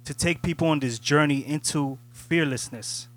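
A man's voice: fairly high pitch, moderate pace. A man co-hosting a casual podcast chat, talking in a reflective way and often asking "you know what I'm saying". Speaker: podcast co-host.

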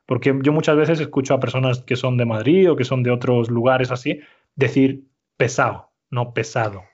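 A man teaches a Spanish lesson in an even, middle voice. He explains step by step and keeps checking that his listeners follow. The recording sounds slightly dull. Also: mid-range voice, moderate pace. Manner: explanatory, frequent "¿vale?" checks. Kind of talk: language lesson.

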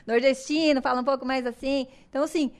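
A woman speaks in a clearly high voice, talking as a singing teacher in a relaxed podcast chat. She explains with eager enthusiasm and slips into little vocal demonstrations as she goes. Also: fast talker.

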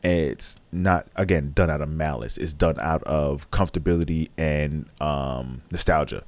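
A man's voice: very deep voice, moderate pace. A man co-hosting a podcast in casual chat, talking bluntly and frankly, often repeating himself for emphasis. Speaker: podcast co-host.

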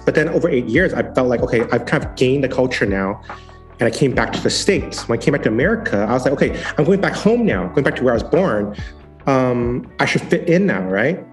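With music playing underneath, a medium-pitched man gives a casual personal testimony as a guest. Born in San Francisco and raised partly in Hong Kong, this ex-software engineer turned digital missionary tells his story earnestly, voicing the inner thoughts of himself and others.

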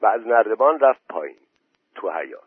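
A man with a husky voice reading a story aloud in a plain, steady storytelling manner. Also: on the low side, dry recording. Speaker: narrator. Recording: dry tinny phone-like voice message.

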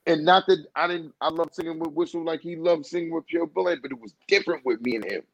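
Talking fast in a voice on the high side, this guest singer spins a lengthy, relaxed story peppered with "you know what I'm saying" and restarts. The audio has no echo and sounds dull, dry and muffled.

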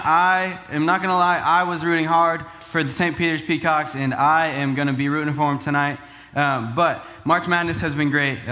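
An upbeat male youth pastor gives a conversational sermon. His voice is bright and forceful, pitched a little high, and his delivery is casual and informal.

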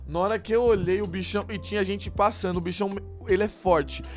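A man's voice: sits high, quick pace, faint music behind. A young man with a Brazilian Portuguese accent telling a story in casual, slangy talk. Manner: lively, slangy, acts out quoted people.

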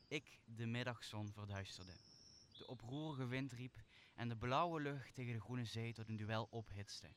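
A student actor voices a solemn, wronged sorcerer who turns toward forgiveness in a Shakespearean radio play, delivering his lines in a deliberate, declamatory way. His male voice sits lowish and a bit bright, with a little hiss or hum in the recording.

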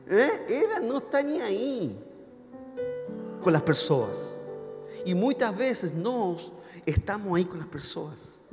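Pastor guy preaching, spanish mixed w portuguese, gets loud and passionate, echoey church. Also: high voice. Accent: Spanish speaker mixing in Portuguese. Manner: impassioned, acting out prayers in a rising voice. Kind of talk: sermon. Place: church hall. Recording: reverberant church hall with soft music.

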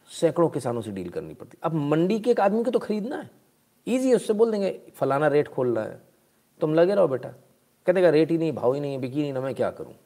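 A man's voice: on the high side, mellow. Sarcastic man doing live news commentary. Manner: casual, sarcastic, switches between Hindi and English.

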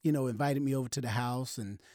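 A man who works as a comedian, telling stories from his shows in casual chat. He is animated, repeats words and belts out the loud parts. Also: mid-range voice, fast talker, no room sound, clean studio sound. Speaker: comedian and event host, guest.

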